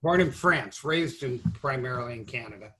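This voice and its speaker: A man's voice: medium pitch, expressive, moderate pace, sharp tone, a little hiss or hum. Chatty male interviewer. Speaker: interviewer host. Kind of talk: conversational interview.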